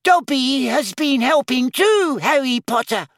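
A man voicing a squeaky, anxious, loyal male house elf. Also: expressive, measured pace, fairly bright tone, no echo, studio quality, full character voice. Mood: earnest. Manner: earnest, eager to please.

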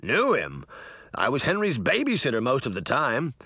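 A man's voice: medium pitch, huge pitch swings, normal speed, bright, forceful tone, slightly rough, no room sound, clean studio sound, exaggerated voice. A man voicing a vain, theatrical magic mirror that brags and sulks in a showy way. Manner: pompous, showy bragging.

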